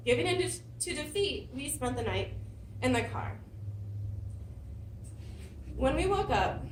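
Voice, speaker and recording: A woman giving a prepared personal story speech at a speaking club, telling it with lively dramatic emphasis. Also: on the high side, a little hiss or hum. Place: meeting room. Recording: roomy hall, mic at a distance.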